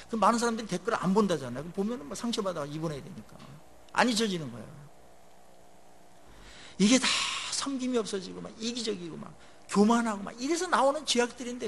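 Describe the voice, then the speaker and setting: A male pastor delivers a sermon with a high, very lively voice that climbs on emphatic points and sinks low at phrase ends. His tone has a gravelly edge, and he often turns to the congregation with questions. Faint room ambience hangs behind him. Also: fast, a little hiss or hum. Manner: conversational preaching with rhetorical questions to the congregation; swings between rising emphatic peaks and low dropped phrase endings.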